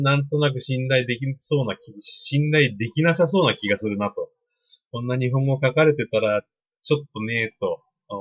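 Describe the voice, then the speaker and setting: Husky middle-aged man giving chatty advice. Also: fairly low pitch, a bit bright, muffled recording. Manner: chatty, polite and explanatory, with many fillers. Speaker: podcast host on email marketing. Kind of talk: casual spoken advice monologue.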